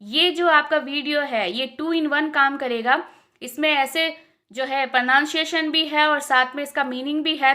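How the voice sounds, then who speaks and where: Bright high-voiced Indian woman teaching. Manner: repeats each word slowly several times. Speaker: English pronunciation teacher. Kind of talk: casual spoken lesson.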